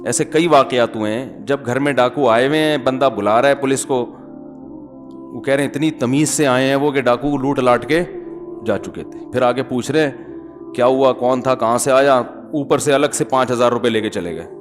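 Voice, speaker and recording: A man's voice: medium pitch, over music. A middle-aged man, a preacher telling humorous anecdotes to his listeners in a chatty religious talk. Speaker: Islamic scholar and preacher.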